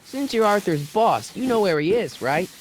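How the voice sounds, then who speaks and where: In a video game dialogue performance, a man with a high, sing-song voice plays a polite, inquisitive young man, probing casually and a little hesitantly at a normal speed. The audio is poor, with a slight hiss or hum.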